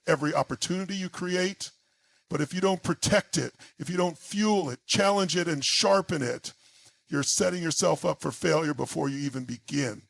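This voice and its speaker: A man's voice: fairly high pitch, creaky, fairly bright tone. A man giving an intense motivational speech in short, emphatic, punchy phrases. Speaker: motivational speaker.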